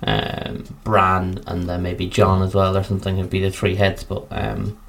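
Low west of Ireland man, podcast chat. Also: normal speed, creaky, fairly bright tone. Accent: west of Ireland, Galway. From Galway, Ireland. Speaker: podcast co-host. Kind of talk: casual fan podcast chat.

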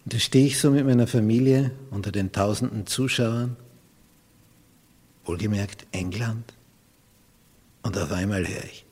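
Austrian male pastor, slightly raspy, dramatic sermon delivery from booming to near-whisper, long hall reverb. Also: measured pace, long pauses. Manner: dramatic swings from loud emphatic peaks to hushed near-whispers.

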